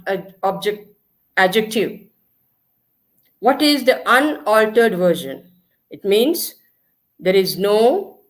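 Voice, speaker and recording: A woman with an Indian English accent teaching a grammar lesson, repeating key points and checking that the class follows. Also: fairly high pitch. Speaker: school teacher. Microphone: recorded lesson video.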